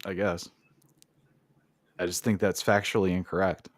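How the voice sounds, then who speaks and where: A man's voice: deep voice, flat delivery, normal speed. A man co-hosting a casual podcast, recapping a wrestling show, laughing often and acting out quoted lines. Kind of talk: casual chat.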